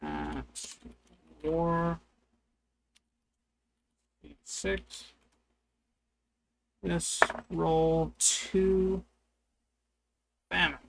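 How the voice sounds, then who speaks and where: His voice is fairly high, creaky, and very slow, with huge pitch swings and frequent pauses. Streaming from a hot, humid room holding two PCs, he sounds crackly and strained, rambling casual chatter to himself as he plays.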